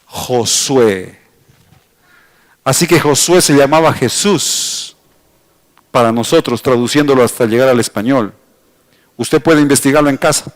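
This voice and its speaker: A middle-aged man with an Ecuadorian accent, a pastor teaching his congregation in a church, explaining things patiently and slowing down to spell out words. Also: mid-range voice. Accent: Ecuadorian Spanish. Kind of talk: teaching sermon. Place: church hall.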